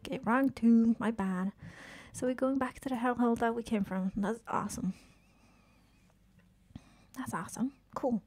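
A woman streaming a video game, chatting casually, swearing often and reacting with quick exclamations. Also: fairly high pitch, a little mellow. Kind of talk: casual live-stream commentary while playing.

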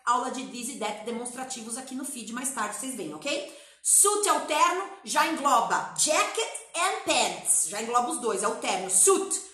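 A woman from Brazil teaching an English lesson in a lively, chatty way, repeating words and phrases for her students. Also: fairly high pitch, normal speed, roomy sound. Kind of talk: lively classroom-style language lesson.

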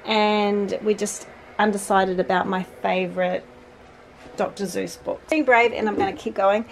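A woman in her forties with a medium-pitched, steady, slightly slow voice and some vocal fry chats casually while decluttering her bedroom. She talks to her sons between remarks and uses plenty of fillers in this indoor vlog, with a faint hiss or hum in the background.

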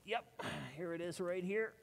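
A man running a stage illusion act, talking to a volunteer in a relaxed, self-mocking way. His voice sits a bit high, and it rings with the long reverb of a church hall. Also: normal speed. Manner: chatty, self-deprecating, playful asides. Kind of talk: live magic show patter with audience volunteer. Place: church hall before a live audience.

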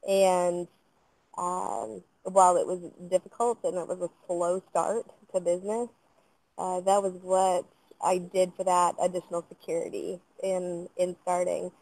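A woman in her thirties, a small business owner, answering on a panel over a video call from outdoors in a measured, thoughtful way with frequent ums and uhs. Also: lowish voice, flat delivery, a little mellow, dry recording, low-quality recording. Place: outdoors in front of trees. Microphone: webcam on a video call.

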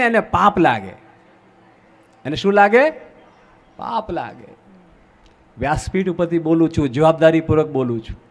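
High-voiced Gujarati man preaching. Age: young adult. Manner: preaching with rhetorical questions. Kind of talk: sermon.

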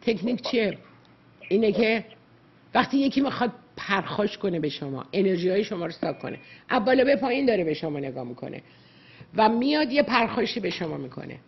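A woman's voice: medium pitch, sing-song, creaky, breathy edge, highs cut off. A woman psychologist giving earnest, lecturing advice to callers on a radio call-in show, slipping English words into her talk.

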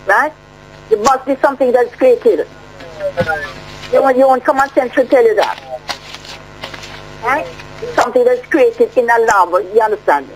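Female caller, muffled underwater-sounding phone line, faint hum; halting, repeats words, pushes questions. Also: fairly high pitch. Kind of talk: call-in radio question.

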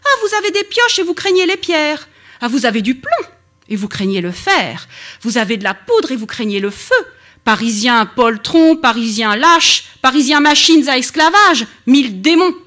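Woman doing an angry farmer bellowing at a crowd, high and swooping. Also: very animated, moderate pace, bright, forceful tone, exaggerated voice. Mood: indignant. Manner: declaimed reading of a novel passage. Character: fiery male farmer rousing a crowd.

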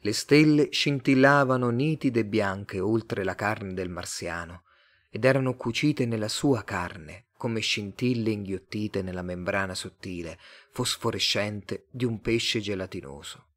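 A man from Italy reading a short story aloud as an audiobook narrator, measured and expressive. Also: on the low side. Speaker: audiobook reader. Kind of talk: scripted literary narration.

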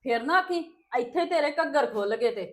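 A woman playing a bitter, wronged housewife, high-voiced. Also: expressive, a little fast. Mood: warning. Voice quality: grave, warning delivery. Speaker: actor in a family skit. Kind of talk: scripted family drama.

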